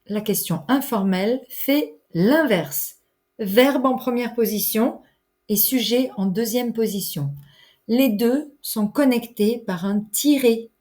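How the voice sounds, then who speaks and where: A woman teaching a French lesson, enunciating each phrase slowly and carefully. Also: on the high side, darkish tone. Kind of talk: slow, clear language lesson.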